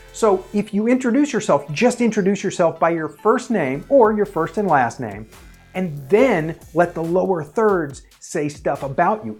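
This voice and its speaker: A man's voice: high voice, darkish tone, husky. A man giving tips in a casual, plain-spoken on-camera tutorial, recorded on his own camera, with occasional fillers. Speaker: video presenter giving tips. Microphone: self-recorded on his own camera.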